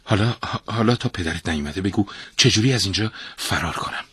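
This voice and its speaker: A man's voice: low-pitched, animated, fairly bright tone, slightly rough, no room sound, full character voice. A man voicing a clever young man who learns to change shape, talking eagerly.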